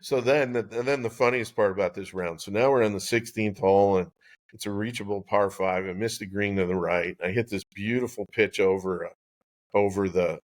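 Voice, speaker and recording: A man's voice: fairly low pitch, fairly even intonation, moderate pace. A man in his sixties, a guest on a podcast, telling a long rambling anecdote with lots of restarts. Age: 60s. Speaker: guest, golf club designer. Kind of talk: conversational storytelling.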